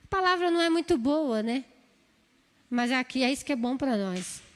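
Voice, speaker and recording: High-voiced woman preaching in a reverberant church. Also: lively intonation, moderate pace. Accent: Brazilian Portuguese, São Paulo. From Brazil. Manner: earnest, pleading, repeats phrases. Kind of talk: sermon. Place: church hall. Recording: long hall reverb.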